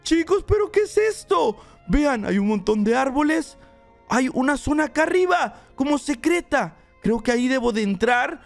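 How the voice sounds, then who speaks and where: The voice is very high and gravelly, carried by a young man. He gives excitable let's play commentary and talks to his viewers the whole time. Soft music plays underneath. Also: normal speed. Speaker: gaming channel host.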